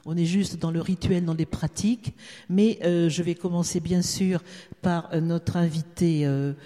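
Mellow woman moderating in echoey hall. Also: fairly low pitch, steady tone, a little slow. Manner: hesitant, digressive, with long winding sentences. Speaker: event moderator. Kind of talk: live introduction of a guest. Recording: echoey hall with long reverb.

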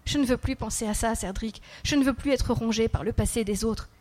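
A woman voicing a small, calm, otherworldly boy child who speaks softly. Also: a little high, brisk, lightly acted. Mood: gentle.

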